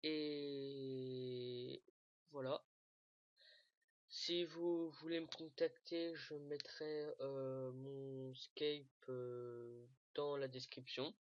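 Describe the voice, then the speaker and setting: Drawing out words in a steady mid-range voice, a gaming tutorial creator shows viewers a game tool during a laid-back screen recording. There's frequent hesitation, plenty of fillers, and many restarts. The mic is dull, lo-fi, and dry, with no room sound.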